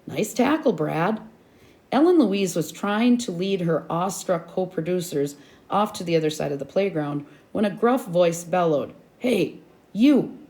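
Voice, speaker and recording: A woman, a teacher, reading a chapter book aloud with steady, expressive storytelling. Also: on the low side.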